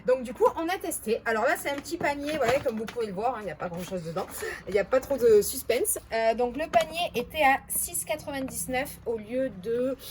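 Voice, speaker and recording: A woman's voice: on the high side, brisk, background noise. Chatty woman with a Marseille accent. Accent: Marseille French. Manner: chatty, hesitant, self-correcting. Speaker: vlogger reviewing bargain hauls. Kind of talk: casual chat to camera.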